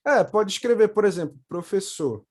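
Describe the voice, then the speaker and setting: Young Brazilian man, patient English teacher on a video call, mellow and unhurried. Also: high-pitched, expressive. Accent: Brazilian Portuguese. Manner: patient, repeats words slowly for pronunciation. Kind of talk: online class for children.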